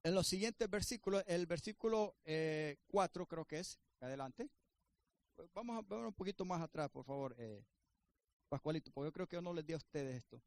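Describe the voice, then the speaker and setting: A man preaching a sermon as pastor, swinging between emphatic raised lines and quieter asides to the congregation. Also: on the high side, expressive, moderate pace.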